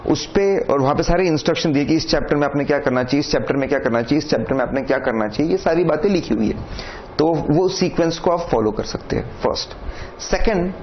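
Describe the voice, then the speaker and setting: Indian male lecturer, instructive and direct, slightly high voice, muffled recording. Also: quick pace. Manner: direct, repeats "correct?" and "theek hai", instructive. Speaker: exam coaching lecturer. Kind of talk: lecture mixing Hindi and English. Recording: dull lo-fi sound with faint noise.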